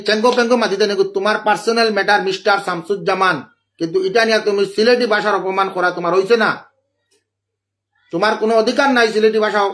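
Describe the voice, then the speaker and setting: A man with a high, slightly bright voice and a Sylheti Bengali accent from Assam's Barak Valley rants angrily on a phone live stream. Indignant, he scolds the person he's answering and greets viewers by name.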